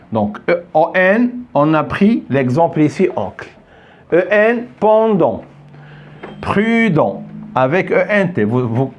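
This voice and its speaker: A man's voice: fairly high pitch, a little mellow. A man teaching a French phonics lesson, patient and repetitive, often praising with "très bien". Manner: patient, repeats words many times, praises with "très bien".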